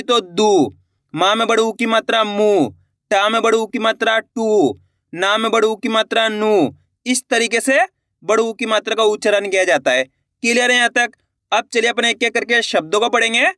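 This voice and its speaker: A man with a high, bright voice teaches reading in an online video lesson. He drags out each letter sound slowly and keeps calling his viewers friends. His voice sits close and dry, with no room around it. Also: no room sound.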